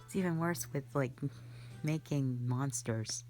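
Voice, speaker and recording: A woman voices an easygoing, flirty magic mentor in a fantasy roleplay audio drama, rambling in a chatty, musing mood and talking hesitantly and offhandedly, full of asides. Her voice is very deep and warm, and she speaks unhurriedly with faint music behind.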